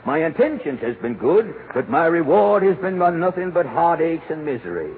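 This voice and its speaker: A man's voice: fairly high pitch, big pitch swings, normal speed. An actor playing an aggrieved old Santa Claus in 1940s radio comedy, telling his woes in folksy, ungrammatical speech. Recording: noisy narrow-band 1940s radio recording.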